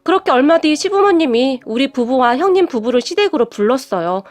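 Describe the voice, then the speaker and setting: A woman narrating her own story in the first person, calm and matter-of-fact. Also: high-pitched, brisk.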